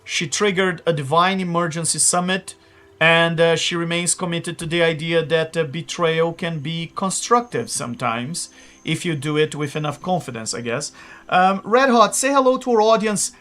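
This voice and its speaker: A man's voice: on the high side, moderate pace, fairly bright tone. Chatty man hosting a tabletop game. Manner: chatty, hesitant with many fillers, laughing asides. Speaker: game master. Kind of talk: live-play host introducing players.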